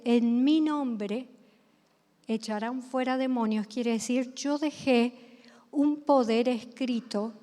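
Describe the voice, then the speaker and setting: A woman's voice: fairly high pitch, dark tone. A woman preacher with a Rioplatense accent, delivering a sermon, telling stories and asking the congregation questions. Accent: Rioplatense Spanish. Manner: storytelling, asks the congregation questions. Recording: long hall reverb.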